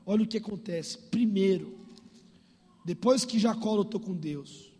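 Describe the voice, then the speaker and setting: A man preaching a sermon as a pastor, fervent and shouting, with comic asides, his voice hoarse and tired. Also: sits high, measured pace. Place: church. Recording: reverberant church hall.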